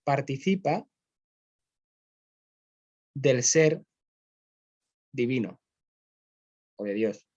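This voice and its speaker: A man's voice: mid-range voice, lively intonation, extremely slow, long pauses, a little mellow, muffled recording. A man with a Spanish accent, teaching philosophy in a classroom, explaining step by step and often checking in with his students. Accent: Spain. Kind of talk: classroom lecture.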